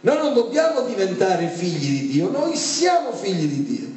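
A man's voice: high voice, big pitch swings, moderate pace, darkish tone. A male preacher, delivering an emphatic sermon full of rhetorical questions to his congregation. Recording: echoey room from a distance.

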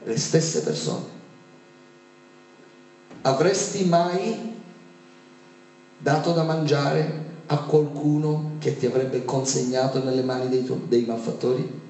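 A man's voice: mid-range voice, slow, long pauses, a little mellow, slight background noise. A male preacher, delivering an emphatic sermon full of rhetorical questions to his congregation. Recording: echoey room from a distance.

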